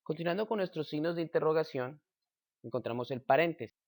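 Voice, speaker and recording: A man reading a grammar lesson aloud at a slow, measured pace, giving example sentences. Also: on the high side, gravelly, no echo, clean studio sound. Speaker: teacher.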